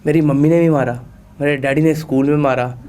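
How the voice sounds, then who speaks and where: A man's voice: fairly high pitch, steady tone, a little fast, dark tone, a little hiss or hum. A young man, an athlete guest on a podcast, telling rambling stories full of fillers and frequent laughter in a studio. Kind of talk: casual storytelling interview.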